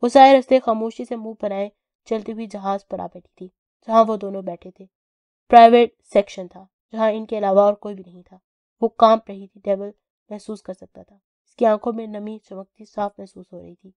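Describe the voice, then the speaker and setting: A woman narrating an audio novel in a steady, even storytelling way. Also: mid-range voice, dry recording, studio quality.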